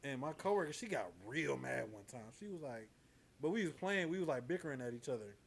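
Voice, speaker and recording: A man's voice: medium pitch, quick pace, creaky. A man co-hosting a podcast, telling stories animatedly and acting out the people he quotes. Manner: animated, acts out quoted voices. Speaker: podcast co-host. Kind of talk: casual chat, storytelling. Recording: faint background noise.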